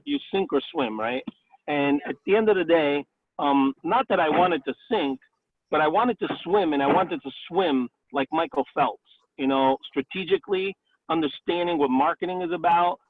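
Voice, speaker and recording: A chatty restaurant owner in his forties, a man, talks on a thin, phone-like line with a dry sound and no room around it. His voice sits a little high for a man. He keeps leaning on "you know" between his thoughts. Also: no room sound. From Italy, raised in the Bronx, New York. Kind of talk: career interview over a call.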